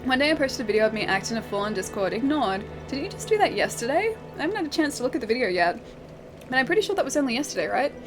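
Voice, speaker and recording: Over music in a low-quality recording, a woman with a high, sing-song voice talks very fast. She's an Australian game streamer chatting casually, reading her chat aloud, laughing often and filling her thinking-aloud with fillers.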